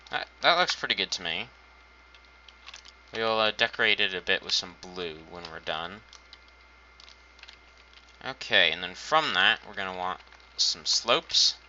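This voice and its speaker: A man's voice: low-pitched, animated, measured pace, long pauses, pushed and bright, a little hiss or hum. A man casually commenting on his own gameplay, thinking aloud while building and making dry, self-mocking asides. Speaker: gaming channel host. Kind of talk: casual let's-play commentary. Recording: dull lo-fi home recording.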